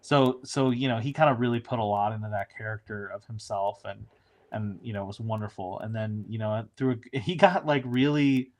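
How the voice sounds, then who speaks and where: A man's voice: lowish voice, normal speed, darkish tone. A man, a showrunner, chatting casually in an interview, rambling with frequent restarts and fillers.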